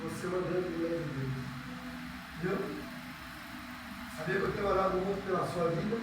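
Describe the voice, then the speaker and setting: Captured on a distant mic in an echoey church hall with background noise, this Brazilian Portuguese-accented pastor preaches in a voice that sits high. He moves from loud, stretched-out scripture readings to soft, intimate words, and guides the congregation through call-and-repeat prayer.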